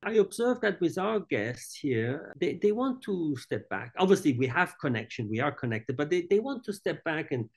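Speaking over a webcam on a video call, this middle-aged hotel group head stops and restarts often and leans on fillers. His voice is a little high and swings widely in pitch. French-born but raised in Italy and Switzerland, he is interviewed indoors in front of a large painting.

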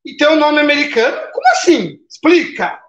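A man's voice: extremely high pitch, very animated, normal speed, fairly bright tone. Brazilian male live-stream host, chatty, friendly toward viewers, roomy and slightly muffled stream audio. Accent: Brazilian Portuguese. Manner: chatty, greets viewers by name, tag questions.

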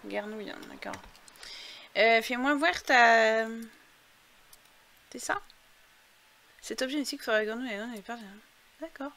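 A woman's voice: fairly high pitch, unhurried, gravelly, long pauses, sharp tone. A woman giving casual commentary while playing a video game, thinking aloud with lots of fillers and reading quest text aloud. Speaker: let's play gamer.

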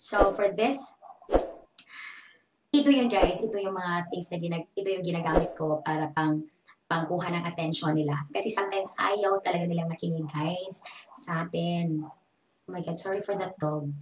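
Woman, Filipino accent, young adult, online teacher, chatty tutorial, slightly low voice, echoey room. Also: steady tone, moderate pace, noisy background. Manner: chatty, switches between English and Tagalog. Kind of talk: casual tutorial vlog.

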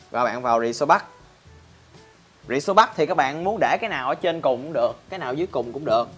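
A man's voice: on the high side, a bit bright. A man hosting a casual game tutorial in a chatty style, constantly addressing viewers. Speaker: Minecraft channel host.

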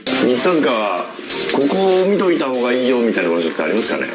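A man hosting a travel show on location, chatting in an excitable, exclamatory way as he explores a town. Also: medium pitch, quick pace. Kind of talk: casual on-location chat. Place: outdoors, stations and shops in a snowy town. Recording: TV location audio under loud music.

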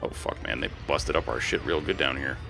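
A game streamer in his thirties talks in a rumbling low voice with vocal fry, a little fast, chatting casually on a livestream from a room at home. His speech is informal, slangy, and full of swearing, with music playing in the background.

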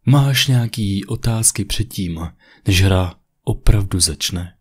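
Male narrator as cold scheming young villain, slow half-whisper, low husky voice. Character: menacing young man, cold scheming game-maker. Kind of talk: creepypasta reading. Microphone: USB condenser mic.

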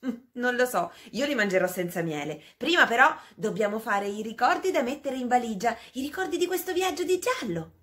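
A woman playing a cheerful, curious mouse girl who presents a children's puppet show, lively and exclaiming. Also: on the high side, a little fast, hardly any pauses.

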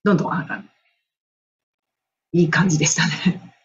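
Middle-aged woman from Japan, lively, chatty coach recounting memories; slightly dull recording with a light hiss. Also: deep voice, fairly quick. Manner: animated, enthusiastic, laughs often. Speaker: English and music coach. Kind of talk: casual storytelling monologue.

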